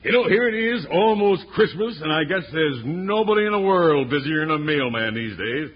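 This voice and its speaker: Folksy cowhand, husky voice, dull radio. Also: male voice, on the high side, expressive, normal speed. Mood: cheerful. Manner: cheerful, folksy. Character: Bronco Buster, cheery cowhand ad sidekick. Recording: dull old radio recording.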